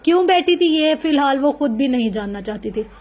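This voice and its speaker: High-voiced woman reading a novel. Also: expressive, brisk, darkish tone. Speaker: novel reader.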